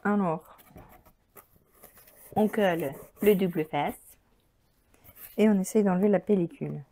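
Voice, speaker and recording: A woman's voice: medium pitch, measured pace, dark tone. A woman hosting a crafting channel, chatting casually and enthusiastically as she unboxes supplies, thinking aloud with many fillers.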